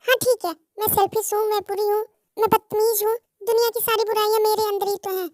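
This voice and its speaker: A woman's voice: very high-pitched, flat delivery, quick pace, a little mellow, no echo, studio quality. A woman playing a touchy, proud young woman with defensive, self-critical outbursts in a fan-dubbed romance drama. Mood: irritated.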